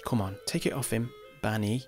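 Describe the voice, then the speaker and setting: A man giving chatty, excitable let's-play commentary over a football management game, reacting loudly to the match. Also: on the low side, normal speed, soft background music. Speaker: gaming YouTuber.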